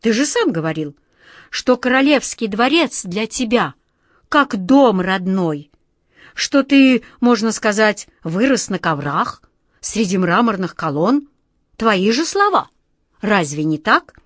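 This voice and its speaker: A woman's voice: medium pitch, sing-song, slow, no room sound, studio quality. A woman voicing a young wizard who scolds and gives firm orders, for an audiobook. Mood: stern. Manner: stern, scolding, trying to sound firm. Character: young boy wizard, earnest and commanding. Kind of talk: audiobook reading.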